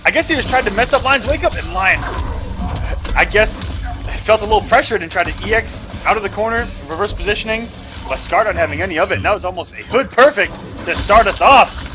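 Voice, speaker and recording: A man's voice: high voice, lively intonation, fairly quick. A man commentating live on a fighting game tournament as an esports caster. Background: music and game audio.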